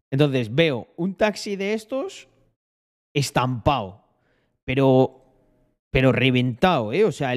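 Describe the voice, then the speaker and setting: A man's voice: mid-range voice, darkish tone. Spanish man telling a slangy anecdote. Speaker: vlogger. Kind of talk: casual storytelling.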